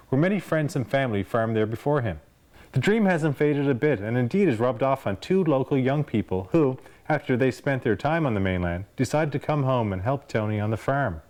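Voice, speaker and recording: A man's voice: mid-range voice, a little mellow. A man hosting a television program, reading a scripted preview of the next episode. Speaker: show host. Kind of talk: scripted narration.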